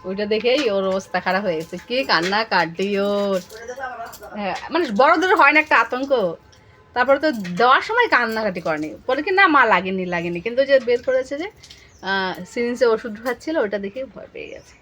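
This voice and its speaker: A young woman and mother chatting casually to camera at home, talking softly about her son's day. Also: fairly high pitch, lively intonation, brisk. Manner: soft narration to camera, then loud coaxing calls to her son. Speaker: vlogger mother. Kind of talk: casual home vlog chat. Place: home, indoors.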